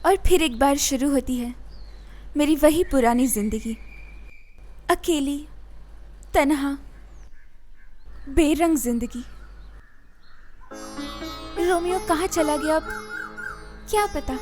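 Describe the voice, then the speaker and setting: A high, slow, wistful young woman. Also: a little mellow, soft background music. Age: young adult. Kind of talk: dubbed film acting with inner-monologue narration. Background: film score.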